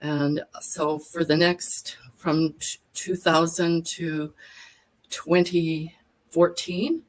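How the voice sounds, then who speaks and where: A woman's voice: deep voice, fairly even intonation, drawn-out words, rough recording. An older woman from Alberta, telling her story at length as a guest on a live video chat. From Alberta, Canada. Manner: chatty storyteller, long detailed answers. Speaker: guest, workshop facilitator. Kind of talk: casual conversation on a live stream.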